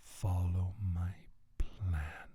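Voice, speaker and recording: In a slow, soft-spoken ASMR roleplay, a deep-voiced man plays a menacing, condescending alien scientist, issuing an ominous warning. His breathy, husky near-whisper comes in deliberate, halting phrases, heavily acted with little pitch movement.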